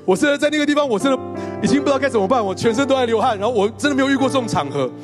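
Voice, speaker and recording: A man's voice: very high-pitched, expressive, rapid-fire, over music. A male pastor telling a story in a sermon to his congregation, acting out quotes and laughing along with them. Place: church hall with congregation.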